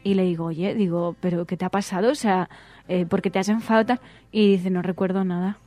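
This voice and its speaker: A woman, co-hosting a radio chat, telling a lively anecdote and reading listener messages. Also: on the low side, a little fast. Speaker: radio co-host.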